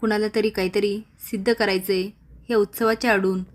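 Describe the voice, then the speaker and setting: A woman's voice: mid-range voice, little pitch movement, fairly quick, close to an everyday voice. A woman voicing an anxious, angry man searching hard for his missing sister. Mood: worried, insistent. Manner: shouting, insistent.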